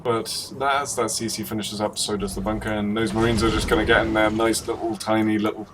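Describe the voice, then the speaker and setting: A man's voice: lowish voice, level tone, a little fast, background noise. A man casting a video game match, joking and laughing as he banters with his co-caster. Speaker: esports caster. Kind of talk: casual game commentary.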